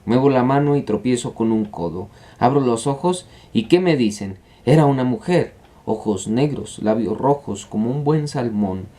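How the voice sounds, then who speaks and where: A man's voice: mid-range voice, expressive, moderate pace, warm tone, close to an everyday voice. A man reading as a boastful army officer.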